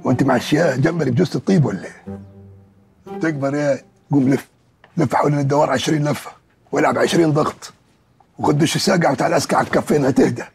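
A man playing a blustering village chief, loud and exasperated, scolding his family in a sitcom. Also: fairly high pitch, very fast, vocal fry, soft background music. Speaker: village headman, father. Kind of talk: sitcom acting.

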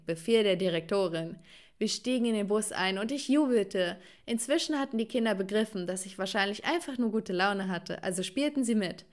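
A woman giving cheeky, playful first-person narration of an animated story. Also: medium pitch.

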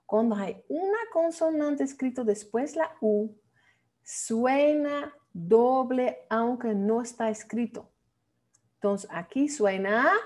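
Slow, playful woman teaching Dutch vowels. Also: fairly high pitch, darkish tone. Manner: playful, repeats words slowly for pronunciation drills. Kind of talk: online language lesson.

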